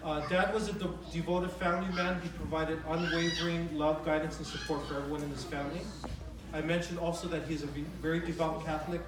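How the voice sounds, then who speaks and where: A middle-aged man with a fairly high voice delivers an informal eulogy for his father. His speech is conversational and halting, with phrases repeated as he goes. He is recorded at a distance from the microphone in a very echoey room. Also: little pitch movement. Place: large reverberant room at a memorial gathering.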